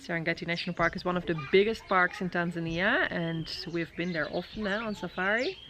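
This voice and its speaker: For a family vlog, a Dutch mother and vlogger in her thirties interviews her daughter in English, her Dutch accent clear, at a tented safari camp outside. Her voice is lowish and her pace brisk, though she stays gentle and encouraging, dotting her questions with soft fillers. Birdsong plays in the background.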